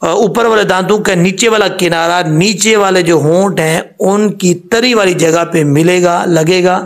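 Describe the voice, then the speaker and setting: A man teaching Quran recitation, explaining each rule patiently and then drawing the words out very slowly. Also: high voice.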